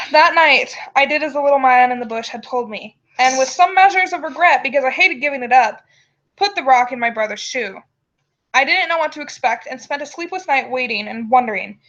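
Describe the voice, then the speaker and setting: A woman's voice: high-pitched, expressive, a little fast, fairly bright tone. A woman storyteller reading a first-person tale aloud on a dull, lo-fi microphone. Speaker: storyteller and show host.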